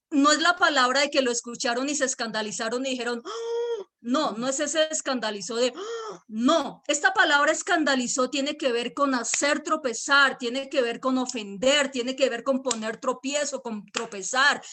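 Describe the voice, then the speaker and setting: High, bright-voiced Colombian woman preaching. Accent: Colombian, Boyacá. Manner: emphatic, repeating key words and quizzing listeners. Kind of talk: virtual church sermon.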